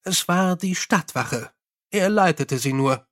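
A man reading a novel aloud as an audiobook narrator, with expressive, lively storytelling. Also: sits high, slow pace. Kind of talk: scripted narration.

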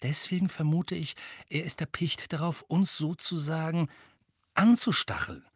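A man's voice: on the high side, a little slow, husky, no echo, studio quality, pitched above the performer's own voice. A man voicing a thoughtful, worried teenage girl in an audiobook reading, speaking hesitantly and choosing each word with care. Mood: worried careful. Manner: hesitant, choosing words carefully.

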